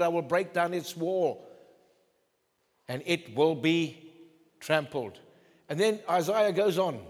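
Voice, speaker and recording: A male pastor preaching a sermon emphatically, swinging between loud declarations and low, intense tones. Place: church hall. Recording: long hall reverb.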